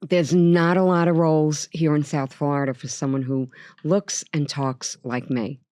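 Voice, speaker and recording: A woman's voice: low-pitched, level tone, moderate pace, warm tone, dry recording. New york lady co-hosting a podcast, chatty, talks over people, dry close sound. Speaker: podcast co-host. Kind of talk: casual interview chat.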